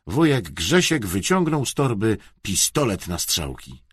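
Expressive, husky male storyteller. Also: lowish voice, no room sound, clean studio sound. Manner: expressive, measured. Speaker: narrator. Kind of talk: audiobook narration.

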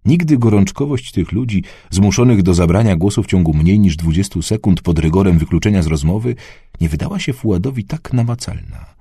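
Male audiobook narrator, measured delivery, deep and husky, dry close mic. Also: expressive, mellow, dry recording. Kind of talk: scripted narration.

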